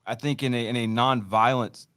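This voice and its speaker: A man hosting a podcast, asking questions in a halting way, searching for words with many restarts. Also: medium pitch, fairly even intonation, a bit bright, smooth. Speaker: podcast host. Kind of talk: casual interview questions.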